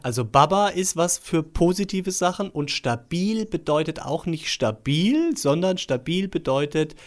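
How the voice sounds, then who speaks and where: A man in his forties co-hosting a casual podcast chat, explaining things slowly with amusement and laughing often. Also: a little high, animated. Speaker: podcast co-host.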